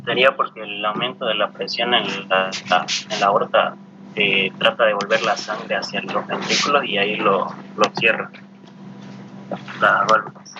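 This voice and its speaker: A man's voice: fairly low pitch, steady tone, moderate pace. A male student answering the teacher hesitantly, restarting his words. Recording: dull lo-fi mic with clear noise.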